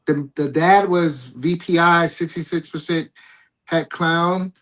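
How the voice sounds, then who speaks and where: A middle-aged reptile breeder on a video call, talking softly and unhurriedly in casual chat. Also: mid-range voice, fairly even intonation, takes it slowly. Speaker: reptile breeder, panel guest.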